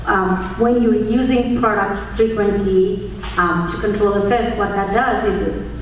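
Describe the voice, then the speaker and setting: An extension entomologist from Nepal gives a conference presentation in a large, echoey hall, her medium-pitched voice steady in tone. She is measured, friendly and explanatory, with many "um" pauses. The far-off mic picks up faint noise and the hall's echo.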